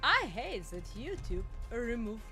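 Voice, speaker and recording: A woman's voice: a little high, a little slow, soft background music, heavily acted. A woman putting on a stiff robot voice. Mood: stiff robotic. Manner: flat, formal machine-like phrasing. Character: stiff robot voice, female, formal. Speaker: streamer playing a game. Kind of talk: live game commentary.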